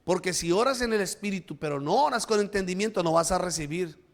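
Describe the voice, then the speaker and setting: A man preaching from a church pulpit in a fairly high voice. His sermon swings between loud, emphatic lines and soft drops, and he acts out the prayers he quotes as he speaks. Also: fast talker. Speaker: pastor.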